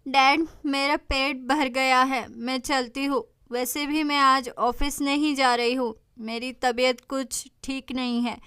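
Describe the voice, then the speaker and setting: A woman's voice: sits high, fairly even intonation, unhurried, sharp tone, no echo, clean studio sound. A woman voicing a heartbroken young woman, tearful and sulking.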